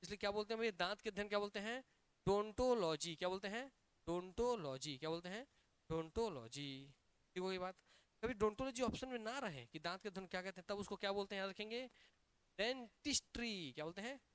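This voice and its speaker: A male coaching teacher with a Chhattisgarhi Hindi accent, giving a lively classroom lecture and drilling students with repeated questions and answers. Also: sits high, fast, clear, resonant tone, dry recording. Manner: energetic, emphatic.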